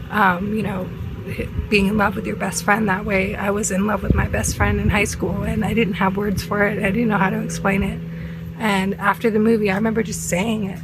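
A woman's voice: medium pitch, background noise. A middle-aged woman sharing a personal story in a reflective, hesitant way, with frequent fillers. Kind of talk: recorded personal testimony.

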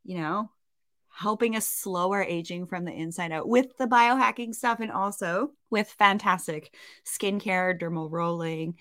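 A Canadian-accented woman co-hosts a casual podcast, chatting in a self-mocking way and wandering into rambling asides. Her voice is lowish and fairly bright, her pace measured, and the recording is dry.

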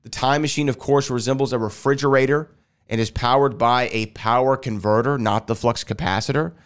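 A Houston man hosts a casual solo podcast from his air-conditioned house, rambling and correcting himself as he talks. His medium-pitched voice sounds nasal since he's recovering from a sinus infection. He speaks fairly quickly and smoothly, with fairly even intonation.

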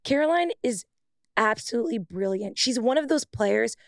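A young woman co-hosting a casual sports podcast, animated and emphatic, laughing often. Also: fairly high pitch, normal speed, no echo, studio quality. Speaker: podcast co-host, former pro soccer player. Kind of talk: casual chat.

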